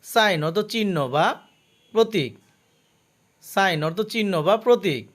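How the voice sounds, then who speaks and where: A man's voice: high voice, expressive, a bit bright. A man teaching English vocabulary, saying each word and its meaning twice and stopping to explain the pronunciation. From Bangladesh. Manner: slow, careful drill with pronunciation notes.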